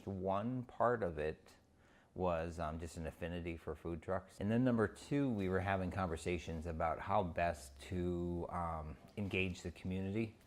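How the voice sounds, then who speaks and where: Speaking in a documentary interview, a North Dakota man who serves as a city community relations officer has a low-sitting voice and a halting delivery full of pauses.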